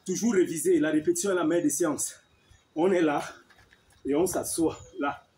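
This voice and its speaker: A man's voice: on the high side, fairly even intonation, normal speed, warm tone. A man teaching combat techniques. He demonstrates with a partner, counts the moves aloud and keeps checking in with "hein?". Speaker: martial arts instructor. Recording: echoey room with faint noise.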